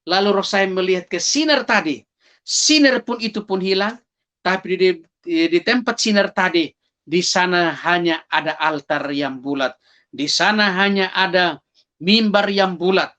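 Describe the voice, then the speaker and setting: A man's voice: high voice, a little slow, bright, forceful tone. A man sharing a personal testimony in a vivid storytelling manner. He speaks straight to his listeners as brothers and sisters and acts out his own cries for help.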